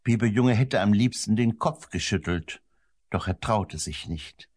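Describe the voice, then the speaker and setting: A man narrating a children's story in a gentle, expressive way. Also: a little slow, slightly rough. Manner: gentle and expressive, varies the pitch to suit the story. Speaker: audiobook narrator.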